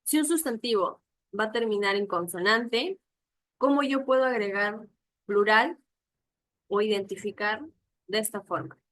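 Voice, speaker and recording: A woman's voice: medium pitch, a little slow, long pauses, a bit bright, dry recording, poor audio. A woman teaching an online class, patiently repeating examples and checking whether her students follow.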